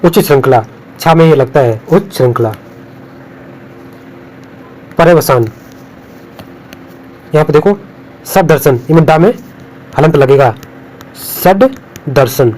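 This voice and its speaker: Man drilling Hindi spellings, fairly high voice. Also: measured pace, long pauses, a little mellow, rough recording. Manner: repetitive, drills words and warns of exam traps. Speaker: Hindi exam tutor. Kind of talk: spelling lesson over on-screen notes.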